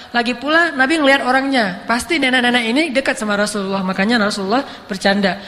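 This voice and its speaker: A man gives a lively, joking sermon and acts out the voices in his stories. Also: extremely high pitch. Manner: animated, jokey, acts out voices. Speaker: preacher. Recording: reverberant hall with faint noise.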